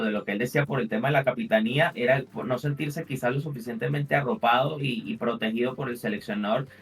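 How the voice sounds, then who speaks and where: A man's voice: mid-range voice, distant mic. A man giving casual football analysis as a commentator, in long winding sentences with repeated points of emphasis.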